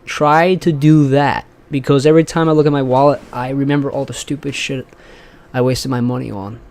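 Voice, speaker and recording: Casting: early-twenties male podcast host, loose and rambling, casual swearing, middling pitch. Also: fairly even intonation, a little fast, a little mellow. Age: 20s. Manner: rambling, profane, many fillers and restarts. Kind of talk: casual chat.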